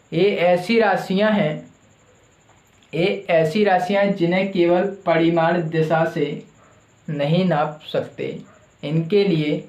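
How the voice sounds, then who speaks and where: A man's voice: a little high, darkish tone, roomy sound, lo-fi sound. A male teacher giving a classroom lecture who asks his own questions and answers them, repeating the key terms.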